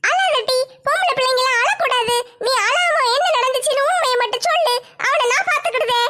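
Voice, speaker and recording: A woman's voice: extremely high pitch, fairly quick, sharp tone. A woman voicing a bossy, brash woman officer.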